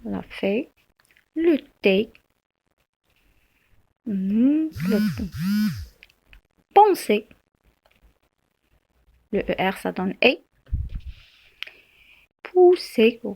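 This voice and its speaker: Slow, halting woman teaching spelling. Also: mid-range voice, sing-song, gravelly, darkish tone, breathy edge. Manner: slow, halting, many fillers and self-corrections. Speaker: French teacher. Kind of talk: spelling lesson.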